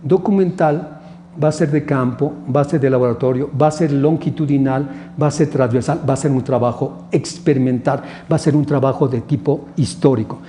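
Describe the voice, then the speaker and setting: Didactic man with a dark, mellow voice. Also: mid-range voice, steady tone, normal speed, a little hiss or hum. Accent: Mexican Spanish. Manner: didactic, asks rhetorical questions and answers them. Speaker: instructor. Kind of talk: recorded lecture on research methodology.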